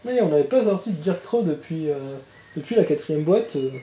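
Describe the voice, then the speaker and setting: A man's voice: fairly high pitch, lively intonation, brisk, warm tone, roomy sound. A man hosting a casual card-unboxing commentary, chatty and rambling, swearing now and then. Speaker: channel host opening trading card boxes. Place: indoor room with birds outside.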